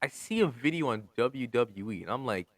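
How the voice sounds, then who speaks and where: A man hosting a casual podcast chat, asking his guest questions in a relaxed, encouraging way. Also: medium pitch, a little fast, very noisy. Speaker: podcast host.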